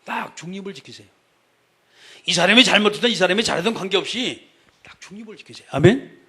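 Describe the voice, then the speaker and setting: A man preaching a sermon in a high voice whose pitch swings widely. His delivery is animated and conversational, and he keeps returning to the same phrases to drive each point home. His tone is bright, with a slightly husky edge. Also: fast. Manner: emphatic, repeats key phrases; conversational, speaks directly to the congregation. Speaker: pastor.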